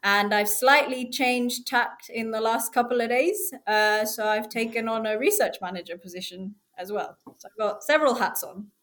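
Woman researcher on a podcast, upbeat, kinda high voice, talks about her work. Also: moderate pace, few pauses, a bit bright. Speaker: guest, postdoc researcher. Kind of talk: casual interview.

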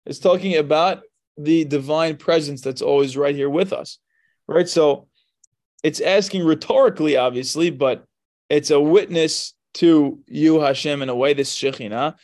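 A man leading a text study, reading passages and explaining them line by line, rising in pitch as he stresses key points. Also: moderate pace, darkish tone.

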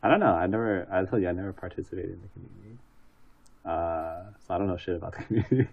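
A man's voice: deep voice, quick pace, vocal fry, phone-quality sound. A man speaking as a guest on a casual podcast interview, laid-back and offhand, swearing casually.

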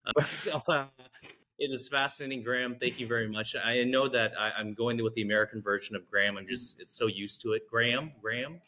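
Male host, crisp bright tone, friendly interview wrap-up. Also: mid-range voice, steady tone, brisk. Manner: friendly, reads outro promos. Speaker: podcast host. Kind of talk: interview hosting and sign-off.

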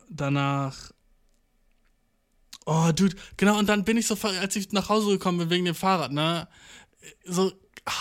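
A man's voice: sits high, smooth. A young man telling rambling everyday anecdotes in a casual, slangy way, swearing and mixing in English words. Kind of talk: casual storytelling monologue.

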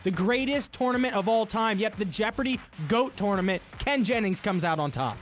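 A man's voice: sits high, expressive, a little fast, soft background music. A man hosting a casual sports and pop culture show, playful and teasing as he leads segments.

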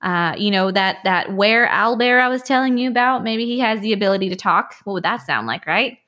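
A woman's voice: mid-range voice, a little fast, sharp tone. A woman co-hosting a podcast about tabletop games, talking casually and filling her sentences with "like" and "you know". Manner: chatty, lots of "like" and "you know". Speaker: podcast co-host.

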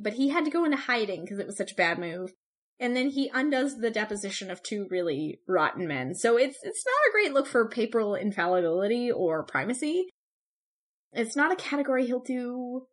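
A woman's voice: a little high, sing-song, moderate pace, fairly bright tone. A woman with a Canadian accent co-hosting a podcast, chatting casually and laughing often. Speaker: podcast co-host. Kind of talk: casual chat, scoring popes.

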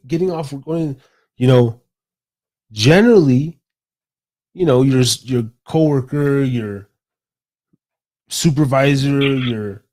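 A young man hosting a casual late-night podcast, rambling and excitable, swearing freely and calling his guest bro. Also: medium pitch. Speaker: podcast host.

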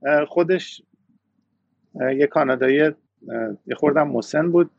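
A man's voice: on the high side, lo-fi sound. A man from Iran, a guest in a casual interview, talking reflectively with frequent hesitations.

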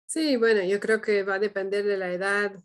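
A woman leading a parenting practice group, speaking calmly and thoughtfully with frequent questioning tags. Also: medium pitch, normal speed. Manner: calm, thoughtful, many "¿no?" tags. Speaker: group facilitator. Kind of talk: reflective group discussion.

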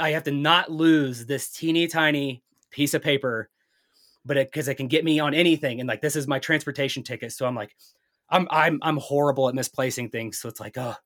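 A native English-speaking man with a slightly high, fairly bright voice appears as a guest on a podcast. In the casual chat, he tells things in a rambling, storytelling way.

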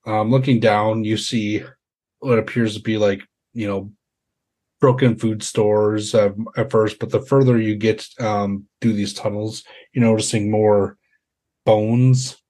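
A man improvising horror narration as a tabletop game master, halting as he searches for words. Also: lowish voice, fairly even intonation, a little mellow.

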